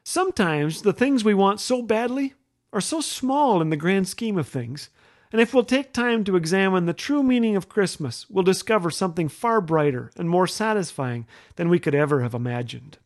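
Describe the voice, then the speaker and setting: A man from Canada hosting a radio show, telling humorous stories in a gentle, wry way. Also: high voice, expressive, moderate pace. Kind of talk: humorous scripted storytelling. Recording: faint music underneath.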